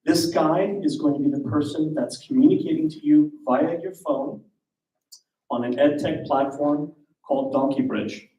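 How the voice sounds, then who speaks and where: A man who works as an intercultural communication strategist, pitching his platform in an earnest, measured way. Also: warm tone. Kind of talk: startup pitch talk. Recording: echoey hall from far off.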